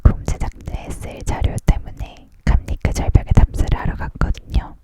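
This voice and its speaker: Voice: moderate pace, natural voice. Whispered role-play, reader doing classy shy polite lady from a storybook, whispering. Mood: informative. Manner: polite, evasive. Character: elegant, bashful female dream maker.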